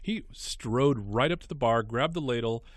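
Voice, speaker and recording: A man's voice: medium pitch, moderate pace, dry recording. A man co-hosting a casual morning radio show, reading odd news stories aloud with wry quips.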